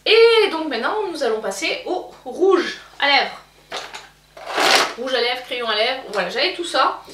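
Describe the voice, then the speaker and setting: A woman's voice: high voice, very animated, unhurried, a bit bright, far from the mic, slight background noise. Chatty woman vlogger in an echoey room. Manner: hesitant, many fillers and restarts. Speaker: beauty vlogger. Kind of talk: casual product review.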